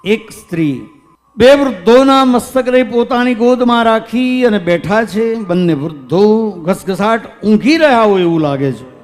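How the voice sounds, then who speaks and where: Brief: Gujarati male storyteller, fairly high voice, sings the verses then explains them, long hall echo. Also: expressive, measured pace. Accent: Gujarati, from Saurashtra. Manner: recites verses in a singing lilt, then explains them plainly. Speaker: religious storyteller. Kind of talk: devotional story sermon with chanted scripture. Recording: long hall reverb with faint music.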